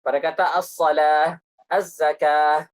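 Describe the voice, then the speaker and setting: A woman teaching a Quran recitation lesson, explaining patiently and reciting example words slowly and repeating them. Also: deep voice, level tone, low-quality recording.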